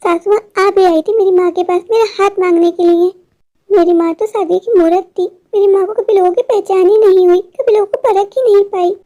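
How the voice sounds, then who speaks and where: A woman's voice: very high voice, fairly even intonation, fairly quick, mellow. A woman voicing an indignant young daughter-in-law in a cartoon story, complaining about her in-laws.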